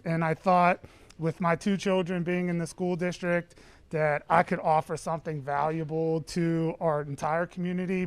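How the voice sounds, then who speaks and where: A man's voice: high voice, clean tone. A middle-aged man answering interview questions earnestly, with frequent fillers. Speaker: interview guest.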